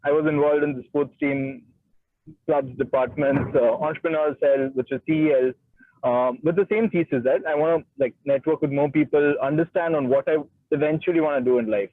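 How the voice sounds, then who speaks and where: A man's voice: a little high, a little fast, no room sound. Male founder-guest, educated Indian English accent, conversational, ends points with "right?", slightly raised voice over a narrow phone-like connection. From Gujarat, India. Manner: often tags statements with "right?". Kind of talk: conversational personal account in an online interview. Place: online call from a moving car. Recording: thin, muffled radio-like call audio.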